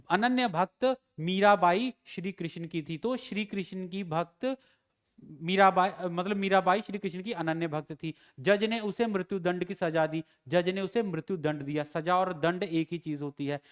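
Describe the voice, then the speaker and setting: A man with a Himachali Hindi accent teaches a grammar class for exam candidates. His voice sits high and rings clean and resonant. He works through example sentences methodically, saying each one slowly before giving the fix. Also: clear, resonant tone. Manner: repeats each example sentence slowly, then gives the corrected version. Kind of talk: exam-prep grammar lecture.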